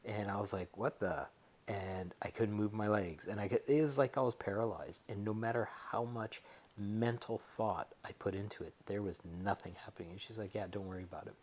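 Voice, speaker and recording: A man's voice: fairly low pitch, moderate pace, a little mellow. A man talking casually and a bit hesitantly in a rambling personal vlog from his bedroom, as a patient giving a recovery update. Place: bedroom at home.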